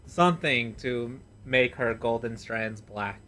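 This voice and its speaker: A man with a bright, crisp tone chimes in on a game stream. His comments are loose and joking, with laughs and the odd swear. A faint hiss of noise sits behind him. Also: mid-range voice, slow pace. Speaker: co-player.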